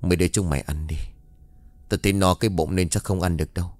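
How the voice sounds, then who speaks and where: A man voicing a tired old village man who drinks and grieves, talking low and gruff. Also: steady tone, fast, darkish tone, dry recording, natural voice. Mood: weary.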